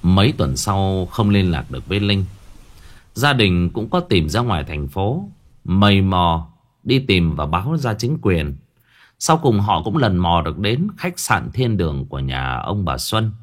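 A man narrating a scripted ghost story in a dramatic, expressive way. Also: low voice, measured pace.

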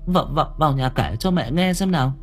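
Male narrator doing a worried old village mother, stammering and pleading, pitched high and husky, faint music under. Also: very animated, moderate pace. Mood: calling out. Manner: pleading, calling out, stammering repeats. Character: elderly village mother, frail and anxious.

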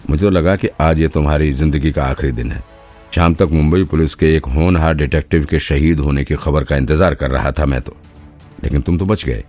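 A man's voice: very deep voice, steady tone, a little fast, darkish tone, faint music behind. A man voicing a jealous male police officer in an audiobook, sneering with sarcastic jabs at a rival. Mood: mocking.

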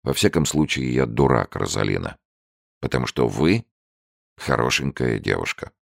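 A man's voice: extremely low pitch, lively intonation, normal speed, gravelly, no echo, studio quality, exaggerated voice. A man voicing a frightened young American deserter in an audiobook, in a subdued tone.

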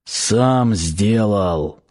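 A drunk middle-aged hunter drags out every word in a slow, slurred rant, as a male narrator acts him out. The voice is heavy and sluggish, spilling between paranoid shouting and sullen mumbling. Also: on the low side, lively intonation.

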